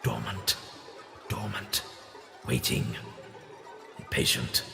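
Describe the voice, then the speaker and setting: A man playing an eccentric, knowing alien time traveler in an audio drama, musing deliberately with theatrical pauses. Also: lowish voice, expressive, creaky, over music, heavily acted. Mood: ominous. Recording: echoey room with long reverb.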